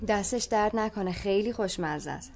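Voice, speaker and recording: A woman's voice: medium pitch, darkish tone, lightly acted. An actress playing a hurt young woman who answers her friend with sarcastic, cutting remarks. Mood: calm. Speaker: film character. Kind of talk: feature-film dialogue. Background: film score music.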